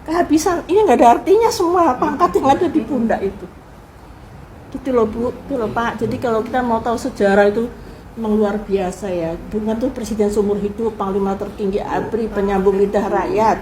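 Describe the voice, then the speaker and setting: Animated older woman storyteller. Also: on the high side, fairly quick, a little hiss or hum, low-quality recording. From Indonesia. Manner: animated storyteller who acts out quoted people. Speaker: interview guest recalling family history. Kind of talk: casual spoken reminiscence.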